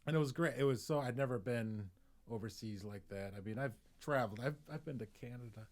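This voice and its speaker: Man spinning a lively comedy anecdote. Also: mid-range voice, a little fast. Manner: animated anecdote-telling, acting out quoted voices; chuckles through his story. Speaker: comedian and podcast co-host. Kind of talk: casual podcast storytelling.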